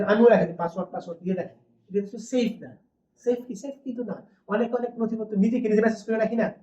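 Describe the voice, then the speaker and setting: A woman with a mellow, medium-pitched voice teaches a classroom lecture, often posing a question to the class and then answering it herself. The recording is distant, dull, and roomy, with a little hiss or hum.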